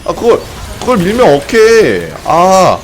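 A young man streaming a video game, giving excited casual commentary, often yelling and swearing during fights. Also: sits high, unhurried, a little hiss or hum. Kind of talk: excited live gameplay commentary.

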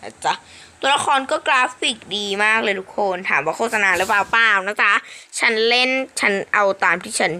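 Lively bright-voiced woman gaming streamer. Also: mid-range voice, a little fast, a little hiss or hum. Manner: animated, squealing exclamations, playful. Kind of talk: casual game commentary.

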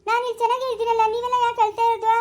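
A woman's voice: extremely high pitch, flat delivery, very fast, darkish tone. A woman with a rural Chikkaballapur Kannada accent acting in a family skit, speaking in a pleading, reassuring way.

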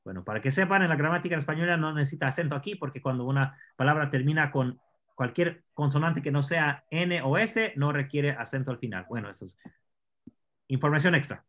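Man teaching scripture, slightly high voice. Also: lively intonation, fairly bright tone. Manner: explanatory, asks class questions, spells out Hebrew words slowly. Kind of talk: online scripture class.

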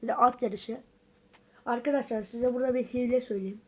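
A woman's voice: fairly high pitch, steady tone, a little fast, dull audio, a little hiss or hum. A woman giving casual gameplay commentary, talking to viewers and muttering reactions as she plays. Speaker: gaming video host.

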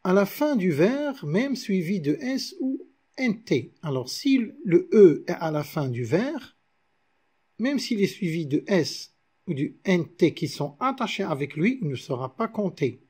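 A man with a Moroccan French accent teaches a recorded lesson at an unhurried pace. His voice is slightly high, dark and a little husky. He walks through examples patiently and counts syllables aloud one by one. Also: big pitch swings. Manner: slow, explains step by step with examples. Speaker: literature teacher. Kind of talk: explanatory video lesson.

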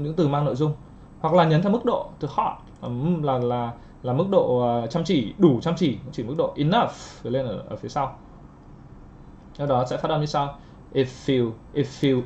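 A man teaching English pronunciation in an online lesson, patiently repeating phrases slowly to drill word stress. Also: medium pitch, darkish tone, muffled recording, a little hiss or hum.

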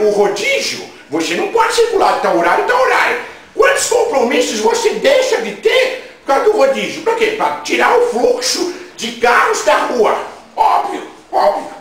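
A man playing a brash, indignant comic radio host, shouting crude, mocking rants. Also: very high-pitched, full character voice. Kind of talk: comic rant. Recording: very echoey room, voice far from mic.

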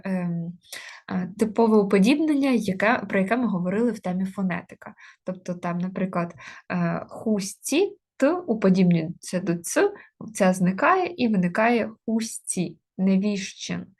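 A woman teaching an exam-prep grammar lesson with a slightly husky, breathy voice. She explains step by step, often pausing on hesitations as she works through examples. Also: medium pitch, darkish tone. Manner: explains step by step with many fillers.

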